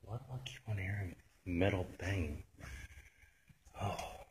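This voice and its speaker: A man exploring an abandoned building, talking in a hushed, cautious voice and often whispering. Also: sits low, moderate pace, background noise. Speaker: urban explorer vlogger. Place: large empty derelict building indoors. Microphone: handheld phone camera.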